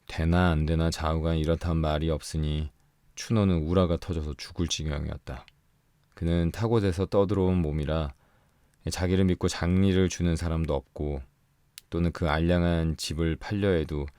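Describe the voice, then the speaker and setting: A man narrating an audiobook for sleep in a calm, soft storytelling voice. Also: a bass voice, no echo. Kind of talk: bedtime audiobook reading.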